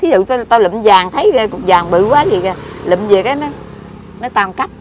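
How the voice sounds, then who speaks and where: Rambling fast-talking Southern Vietnamese woman. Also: mid-range voice. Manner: rambling, excitable, scolding. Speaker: interviewee. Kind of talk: rambling street conversation. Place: outdoors by a street. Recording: loud street traffic behind.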